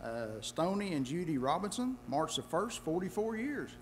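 A man giving church announcements from the pulpit in a plain way, reading out a card slowly. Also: fairly high pitch, sing-song, big-room sound, background noise.

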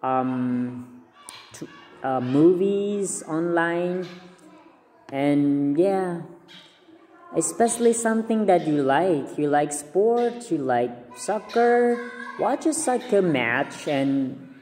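Animated and fairly high-pitched, a young Khmer-speaking Cambodian man talks slowly and mellowly to camera about language tips. He is earnest, with many repetitions and restarts; the arm's-length phone recording from a small indoor room sounds hall-like, with slight background noise.

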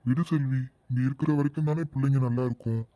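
A man voicing an easygoing, indulgent village father in a cartoon, calm and reassuring. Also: medium pitch, fast talker, dry recording, lightly acted. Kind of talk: animated cartoon voice acting.

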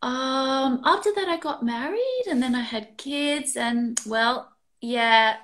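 A woman in her fifties with an Australian accent, chatting as an interview guest over a video call, relaxed and often laughing. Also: high-pitched, slow pace. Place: room at home, indoors. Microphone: video call, built-in mic.

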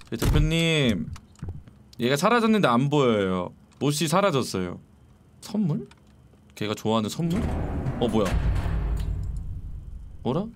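A man in his twenties, commentating a horror game he is playing, talking back to the characters and yelling when startled. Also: mid-range voice, background noise. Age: 20s. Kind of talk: casual gameplay commentary.

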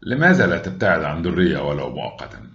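A man voicing a calm, loyal middle-aged friend who speaks in a measured, reassuring way, in a storytelling read-aloud. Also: extremely low pitch, vocal fry, dull audio, heavily acted.

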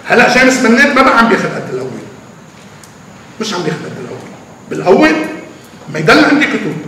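An older man, a poet answering questions in an animated, emphatic way, with drawn-out pauses. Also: high voice. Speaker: poet being interviewed. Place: large echoey hall. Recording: echoey hall from far off, faint noise.

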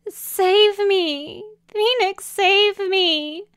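A woman voicing a broken, dying young man who pleads through tears in a high whimper. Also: drawn-out words, a bit bright, no room sound, clean studio sound, heavily acted. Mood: tearful pleading.

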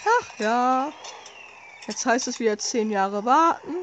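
A woman's voice: a little high, animated, slow pace, noisy background. A woman giving casual, wry, sarcastic commentary as she plays a horror game. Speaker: let's play host.

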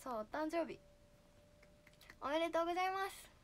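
A woman's voice: very high voice, a little fast. A teenage girl idol with a slightly nasal voice, chatting casually on a livestream and reading out viewer names. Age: teens. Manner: reads out viewer names, bright greetings.

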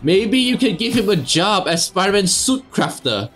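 A man's voice: high-pitched, big pitch swings, normal speed, a bit bright. A man giving joking, casually swearing game commentary with mock exasperation. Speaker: gameplay video maker and commentator. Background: video game music.

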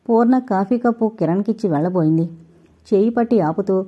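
A woman narrating an audio novel in a steady, expressive reading style, on a dull lo-fi recording. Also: medium pitch, a little fast, husky. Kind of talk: scripted story narration.

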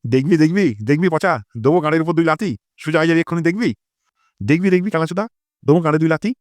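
For a comic Bengali cartoon, a man voices a crude, hot-tempered father who angrily curses and threatens his son. His voice is on the high side and very fast, lightly acted, in a dry recording with clean studio sound.

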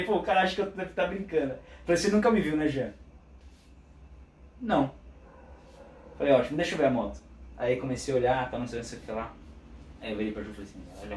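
Fast-talking storyteller. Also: male voice, mid-range voice. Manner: animated, acts out both sides of conversations. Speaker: motorcycle vlogger. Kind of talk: casual storytelling. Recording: roomy room, mic at a distance, faint background hum.

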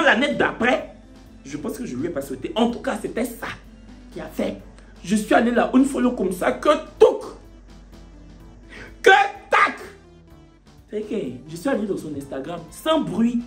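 Lively, teasing man. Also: high voice. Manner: dramatic, teasing, bursts into shouted interjections and song. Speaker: online commentator. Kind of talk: animated commentary.

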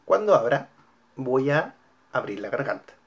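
A man with a Chilean Spanish accent, a school music teacher giving a recorded singing lesson to his students, explaining and demonstrating exercises in a calm, clear way. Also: mid-range voice, a little slow, dull audio. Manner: calm, clear instructional delivery with demonstrated vowels.

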